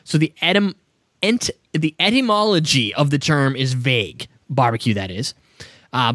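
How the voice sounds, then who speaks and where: A man's voice: a little high, no echo, studio quality. A man hosting a casual chat, reading facts aloud with joking asides and frequent laughs. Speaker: podcast host.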